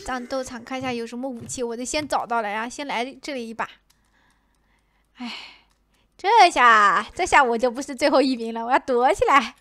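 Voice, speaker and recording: A young woman hosting a gaming channel, commenting excitedly on her play with dramatic whining, fake crying and playful chanting. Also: on the high side, fairly quick, no echo.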